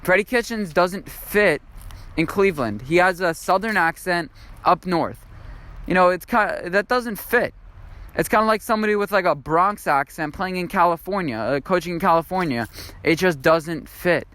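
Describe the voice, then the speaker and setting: A young man hosts his own sports video, talking through football opinions off the cuff. His voice sits a little high and comes across smooth and clear. He wanders and restarts as he thinks aloud. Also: expressive, moderate pace, bright, forceful tone. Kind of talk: unscripted football commentary monologue.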